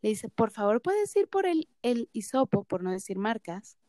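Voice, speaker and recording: A woman's voice: a little high, big pitch swings, moderate pace, mellow, no echo, clean studio sound. A woman in her thirties co-hosting a podcast, telling her story in casual chat and acting out the quoted dialogue with animation. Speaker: podcast co-host.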